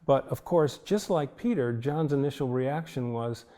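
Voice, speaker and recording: Older man with a mellow voice recalling his filmmaking. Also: medium pitch, animated, moderate pace. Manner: thoughtful, anecdotal, chuckling. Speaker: film director. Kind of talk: reflective interview storytelling.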